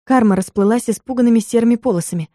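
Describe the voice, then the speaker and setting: A woman narrating a first-person audiobook in a lively storytelling manner. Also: on the high side, rapid-fire, no echo, clean studio sound.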